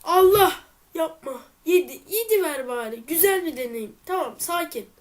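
A woman with a high voice plays through a game and talks it over as she goes. Her nose sounds stuffy. She grumbles under her breath, then breaks into exasperated outbursts. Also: animated, moderate pace. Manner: frustrated, exclaiming and muttering at the game. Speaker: let's player. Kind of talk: let's play commentary.

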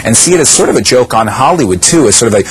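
A man's voice: medium pitch, lively intonation, very fast, a little hiss or hum, rough recording. A young man giving a skeptical interview soundbite in an office, stumbling a little over his words. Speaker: interviewed magazine writer.

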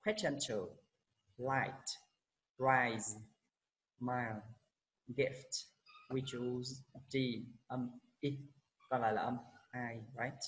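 In an exam walkthrough lesson, a high school English teacher with a Vietnamese accent slowly reads out the English answer words, then explains them in Vietnamese. His intonation stays fairly even and his tone is a bit bright, though the audio quality is poor.

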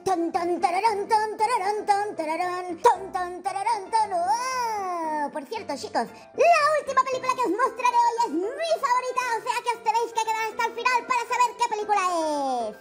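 A squeaky hoofed cartoon mascot. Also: female voice, normal speed. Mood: excited. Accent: Spain Spanish. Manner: bubbly, sing-song, exclaiming. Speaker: quiz host. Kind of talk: emoji guessing quiz commentary. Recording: music bed under voice. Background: children's music.

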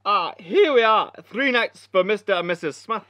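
A man playing a brash hotel owner who puts on a Scottish accent, loud, jolly and leering. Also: high voice, expressive, normal speed, dry recording, clean studio sound. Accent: put-on Scottish.

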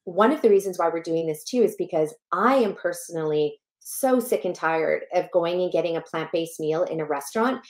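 A middle-aged woman speaks with a fairly low, even voice and strong emphasis, pressing her points. She is a guest on a podcast, talking through a headset from a room at home. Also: moderate pace, hardly any pauses. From born in Malawi, raised in Canada. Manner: emphatic, passionate, gestures while talking. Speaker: guest, health educator. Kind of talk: podcast interview. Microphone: headset over a video call.

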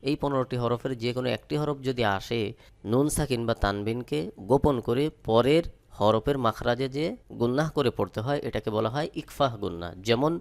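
Smooth-voiced man teaching Quran recitation. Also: medium pitch. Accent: Bangladeshi Bengali. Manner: slow, drawn-out chanted recitation between plain explanations. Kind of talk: spelling-out Quran recitation lesson.

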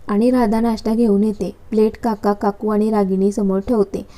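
A woman narrating a story in a steady, even reading style. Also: medium pitch, normal speed.

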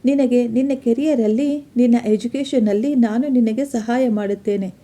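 A woman's voice: a little high, moderate pace, warm tone, lightly acted. A woman voicing an arrogant rich young man who taunts and blackmails, smug and mocking. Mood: taunting.

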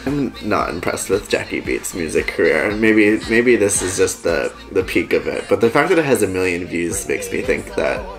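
A man's voice: sits low, big pitch swings, normal speed, few pauses. A young man talking as a sassy drag queen, giving casual, blunt and opinionated reaction commentary. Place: living room at a table with a couch. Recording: loud music playing behind the voice. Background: music from the videos being watched.

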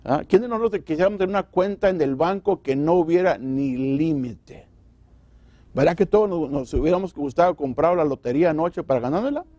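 A male pastor delivers a sermon in a church, firing off rhetorical questions and voicing imagined church members. His voice sits a little high yet sounds dark and mellow. The sound is dry and close. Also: animated, brisk, dry recording. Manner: preaching with rhetorical questions and acted-out quotes. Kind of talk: Spanish sermon.

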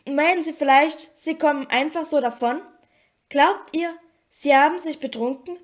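A woman putting on a bright teenage schoolgirl from a storybook reading, anxious and pleading, her voice pitched high and lifting higher as she frets. The tone stays light and girlish rather than fully transformed. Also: normal speed, close to an everyday voice. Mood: worried. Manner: worried, pleading.

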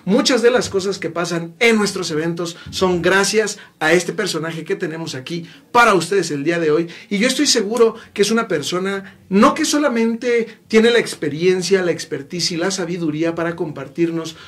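A man's voice: high voice, normal speed, hardly any pauses. A young man with a Mexican accent hosting a TV talk show in a studio, effusive and full of praise for his guest. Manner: warm, effusive, repeats "mi queridísimo". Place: small bright TV studio.

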